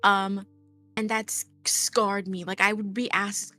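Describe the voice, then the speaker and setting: A woman's voice: mid-range voice, slow, faint music behind. A young adult woman chatting casually with friends, telling a story with many "like"s and "um"s. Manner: animated storytelling with many fillers. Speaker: guest. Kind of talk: casual group chat.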